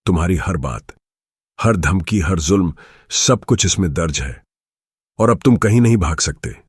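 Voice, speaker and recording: A man voicing a young undercover woman officer who pleads, then speaks firm and commanding, in a low husky voice. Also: animated, unhurried, no room sound, studio quality, full character voice. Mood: defiant.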